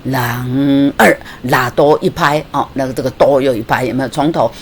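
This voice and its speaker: A woman's voice: extremely low pitch, moderate pace, a little hiss or hum. A woman teaching a song line by line, patiently explaining notes and rhythm and singing short phrases as examples.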